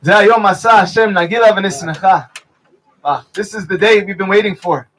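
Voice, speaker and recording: A man's voice: high voice, very fast, poor audio. A man officiating a wedding, speaking under a chuppah and telling stories and jokes between Hebrew blessings. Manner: warm storytelling with Hebrew blessings.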